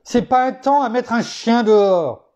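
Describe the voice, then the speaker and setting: A male preacher from France delivers a sermon in a warm, mellow voice. He teaches reflectively, weaving in personal anecdotes. He stresses key points by lifting his pitch emphatically. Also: unhurried.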